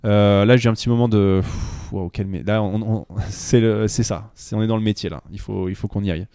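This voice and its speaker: A man talks at a rapid clip in a lowish voice, tripping over restarts and fillers as he tells stories. The sound is dry and close, with no room around it. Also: steady tone, warm tone, clean tone, no room sound. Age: 30s. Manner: rapid, tumbling speech with many restarts and fillers. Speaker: podcast guest, streamer. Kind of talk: casual chat.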